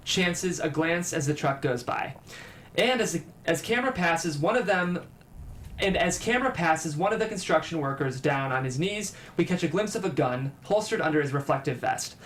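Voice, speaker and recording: At a screenplay table read, a narrator delivers scene headings and stage directions in scripted narration. The voice is mid-range, a bit bright and a little fast, with lively intonation and slight background noise.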